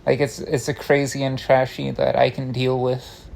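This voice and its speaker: A man with a gravelly, creaky voice giving a casual confessional monologue, meandering and hesitant, often breaking off and restarting his sentences. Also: mid-range voice, monotone, normal speed, a little mellow. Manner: hesitant, meandering, self-interrupting with frequent false starts. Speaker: online content creator. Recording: faint background noise.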